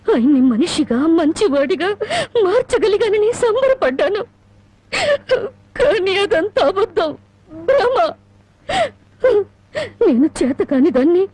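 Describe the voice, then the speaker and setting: An actress playing a wronged young wife who speaks with bitter sarcasm and tears, in melodramatic film dialogue. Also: female voice, very high-pitched, a little mellow, no room sound, heavily acted. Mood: despairing. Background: film score music.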